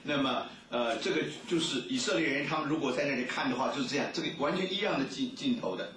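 A man preaching a sermon and reading scripture aloud, telling the story in a lively way and stretching out his filler words. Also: mid-range voice, fast. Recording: echoey room, mic at a distance.

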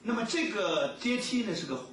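A man preaching a sermon and reading scripture aloud, telling the story in a lively way and stretching out his filler words. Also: high-pitched, normal speed, slight background noise. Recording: echoey room, mic at a distance.

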